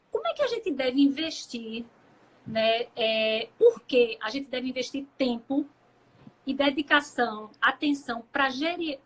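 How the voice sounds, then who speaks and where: A woman's voice: sits high, a bit bright, low-quality recording. A woman hosting a talk show, asking questions and reacting with enthusiasm. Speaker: host.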